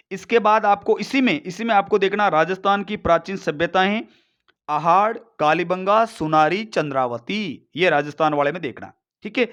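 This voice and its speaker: A man teaching an exam-prep lesson, talking fast and repeating himself, often calling viewers brother. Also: high voice, fairly bright tone. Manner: rapid, repetitive, addresses viewers as brother.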